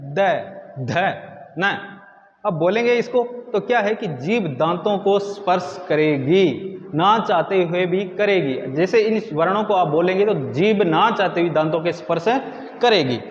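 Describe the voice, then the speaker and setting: A man's voice: high-pitched, normal speed, roomy sound, long reverb tail, lo-fi sound. A man teaching Hindi grammar for exam prep, asking his own questions and answering them himself.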